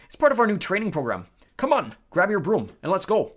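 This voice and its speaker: A reader voicing a burly, fanatically keen teenage team captain who talks heartily and briskly. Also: mid-range voice, sing-song, breathy edge. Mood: hearty, brisk.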